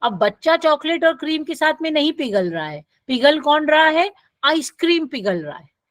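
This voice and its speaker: A woman's voice: high voice, sing-song, normal speed, fairly bright tone, no echo. A woman lecturer, teaching a grammar class and reading example sentences aloud with careful stress. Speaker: English lecturer.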